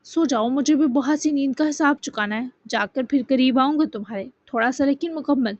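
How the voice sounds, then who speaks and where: Doting, playful grown-man love interest, read by a woman in a storybook reading, somewhat high, dull lo-fi sound. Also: darkish tone, no echo. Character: affectionate teasing grown man, a romantic lead.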